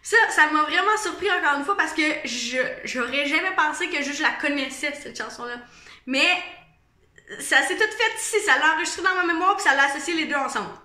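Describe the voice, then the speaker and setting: A young woman with a Quebec French accent, chatting casually to camera with lots of fillers and animated asides. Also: sits high, brisk. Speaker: vlogger. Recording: echoey room.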